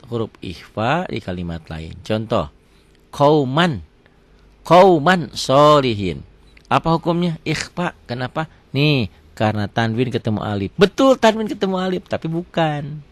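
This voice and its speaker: A man teaching Quran recitation rules. He asks questions and answers them himself, and he stretches the example words out slowly. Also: mid-range voice, no echo. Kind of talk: tajwid lesson with question and answer.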